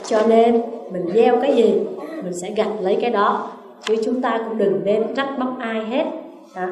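A woman's voice: fairly high pitch, normal speed. A woman with a Southern Vietnamese accent giving a Buddhist dharma talk as a nun, telling stories and asking her listeners questions. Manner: storytelling, asks listeners questions, lively shifts. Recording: roomy, distant mic.

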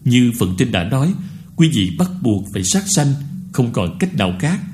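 A man giving a Buddhist dharma talk to a retreat, earnest and admonishing, slowly chanting short verses. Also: mid-range voice, sing-song, a little mellow, faint music behind. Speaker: Buddhist teacher.

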